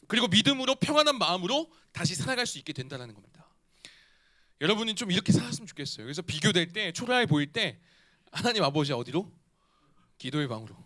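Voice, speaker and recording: A man in his thirties preaching a youth sermon in a church. His voice sits high and bright and swings widely in pitch. He keeps asking his young listeners questions as he talks. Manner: animated, asks the listeners questions. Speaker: youth pastor.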